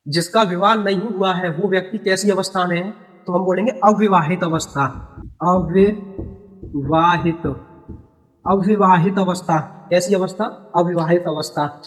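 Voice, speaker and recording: A young male teacher with a fairly high voice explains word meanings in a patient, repetitive way. He often asks a question and then answers it himself. His voice trails off into a long reverb. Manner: repeats key words and quizzes the viewer. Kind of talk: Hindi grammar lesson.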